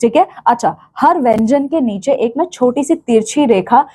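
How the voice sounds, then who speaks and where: Patient woman teacher, mellow voice. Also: a little high, expressive, normal speed. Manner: patient, repeats "theek hai" after each point. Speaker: Hindi grammar teacher. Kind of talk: classroom lesson explaining to children.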